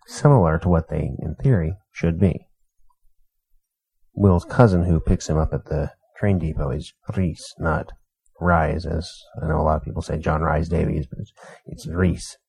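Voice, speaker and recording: A man with a deep voice and a lot of rough fry walks through how to say a list of names. He talks in a relaxed, casual way and carefully repeats each name, slowing down on the harder ones. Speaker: book club reader giving a pronunciation guide. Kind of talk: casual spoken pronunciation guide.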